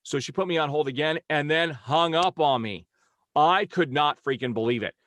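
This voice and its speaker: A man's voice: a little high, normal speed, a bit bright, no echo. A man casually retelling a frustrating customer service ordeal to camera. He sounds exasperated and packs the story with quoted back-and-forth from his phone calls. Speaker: vlogger reviewing a company's customer service. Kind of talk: casual first-person storytelling rant.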